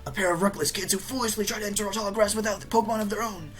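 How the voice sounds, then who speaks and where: Woman reading a serious old professor guy, slow and kinda gloomy. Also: mid-range voice, steady tone, soft background music, natural voice. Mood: solemn. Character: grave, stern old male professor.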